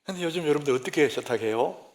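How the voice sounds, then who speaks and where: A man, a senior pastor, preaching a sermon through lively, humorous stories. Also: fairly high pitch, fast talker. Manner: lively anecdotal storytelling, humorous.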